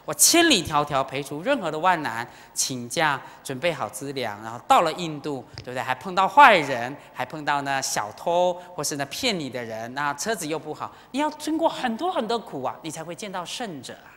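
A Buddhist teacher preaching in a temple with an expressive, swooping delivery and a bright, forceful tone. The talk is full of emotional storytelling and direct appeals to the listeners. The voice carries a long reverb from the hall. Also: mid-range voice, a little fast, hardly any pauses. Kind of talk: sermon.

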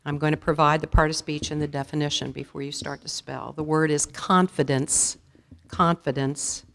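A woman serving as a spelling bee pronouncer in a school auditorium, saying each word slowly and deliberately and reading out definitions. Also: low voice, steady tone, a bit bright. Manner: slow, deliberate, repeats each word clearly.

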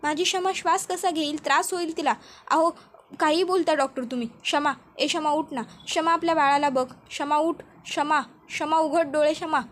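A woman's voice: high voice, steady tone, moderate pace, fairly bright tone, a little hiss or hum, voice pushed up. A woman voicing a grief-stricken man, a widowed new father, pleading with frantic repetition. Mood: grieving, pleading.

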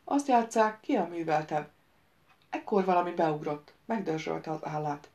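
A woman narrating an audiobook in a measured storytelling manner. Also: low voice, lively intonation, darkish tone.

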